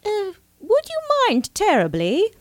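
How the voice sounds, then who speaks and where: Lady doing a posh space pirate lady, high and bouncy, super polite till she goes full arr. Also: wildly swooping pitch, a little slow, a little mellow, no room sound, heavily acted. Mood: prim. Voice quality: overly polite posh manner, switching to a growling pirate bark. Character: prim, posh female space pirate captain.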